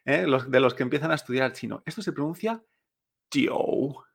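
A young man teaching Chinese pronunciation in Spanish, explaining slowly, repeating sounds and adding a checking "eh?". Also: mid-range voice, creaky. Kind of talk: pronunciation lesson.

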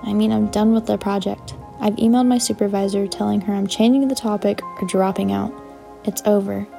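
A woman voicing a guarded teenage girl in an audiobook, speaking flatly in short lines. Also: mid-range voice, brisk, creaky, soft background music. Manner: flat, clipped. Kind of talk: audiobook narration.

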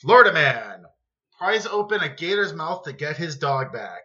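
A man's voice: on the high side, very animated, moderate pace, pushed and bright. A man co-hosting a casual podcast chat, playful and teasing. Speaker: podcast co-host. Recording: dull lo-fi sound.

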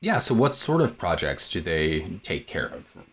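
A man's voice: deep voice, big pitch swings, measured pace, fairly bright tone. A man hosting a podcast interview, asking questions, making playful jokes and giving short backchannel replies. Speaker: podcast host. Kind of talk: casual interview chat.

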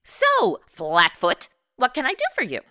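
A breezy, sassy young amateur detective in an audio comedy. Her voice is high and bright, leaping all over in pitch with slangy, chatty delivery. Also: huge pitch swings, unhurried, no echo, studio quality, heavily acted. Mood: flippant, amused. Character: flippant, breezy modern young woman playing amateur sleuth. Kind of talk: comedic radio drama acting.

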